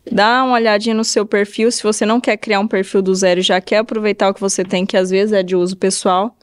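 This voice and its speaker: A woman with a Brazilian Portuguese accent, a hairdresser talking as a podcast guest and giving practical advice in a casual, animated way, acting out what her clients say. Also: mid-range voice, quick pace, smooth. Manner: animated, acts out clients' remarks in quoted voices. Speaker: guest, hairdresser and updo stylist.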